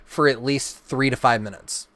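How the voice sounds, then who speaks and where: A man's voice: medium pitch, fairly even intonation, normal speed, a bit bright. A man hosting a live card-opening stream, chatting and teasing his co-host in casual banter.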